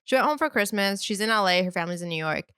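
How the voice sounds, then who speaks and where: A young woman with a bright, clear and smooth voice chats casually on her podcast, giggling often and leaning on "like" as she tells stories. She swears freely, and the sound is close and dry, with no room echo. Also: medium pitch, animated, rapid-fire. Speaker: podcast co-host. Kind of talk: casual chat.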